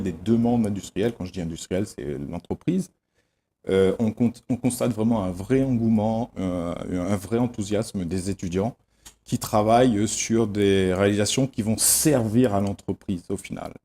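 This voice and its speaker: A male teacher answering interview questions in a measured, explanatory way. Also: lowish voice, mellow, slight background noise.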